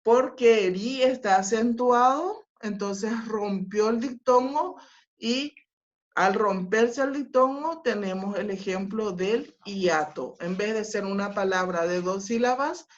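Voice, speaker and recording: A woman teacher giving a patient class over a video call, often checking that her students follow along. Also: mid-range voice. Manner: slow, patient explaining with frequent filler sounds and checks. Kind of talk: online class lecture. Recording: dull lo-fi audio.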